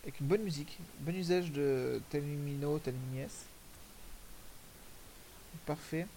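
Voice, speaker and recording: A man's voice: a little high, measured pace, dark tone, slight background noise, low-quality recording. A man giving casual, rambling commentary over video clips, correcting himself often and using crude slang. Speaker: commentator reviewing fan music videos.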